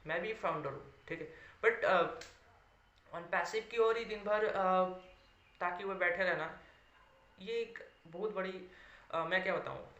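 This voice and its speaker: A man with a high, bright, ringing voice gives a casual motivational pep talk, mixing English words into his speech. He tacks an "okay" onto almost every sentence and circles back to repeat his points. The recording is roomy and echoey, with a dull, lo-fi edge. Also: slow pace, pauses often. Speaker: network-marketing founder addressing fellow members. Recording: echoey room, dull lo-fi sound.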